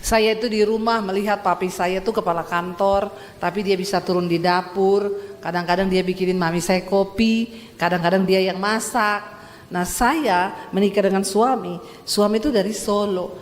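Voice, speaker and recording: A middle-aged woman pastor with a Sulawesi accent, preaching a sermon in an animated storytelling way, acting out quotes with rising tones. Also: mid-range voice, moderate pace, in a large hall. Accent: Sulawesi Indonesian.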